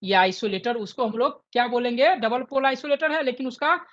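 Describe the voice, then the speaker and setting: A man's voice: extremely high pitch, a little fast, a bit bright, lo-fi sound. A man in his fifties teaching an online class, who keeps checking with his students and repeating his points.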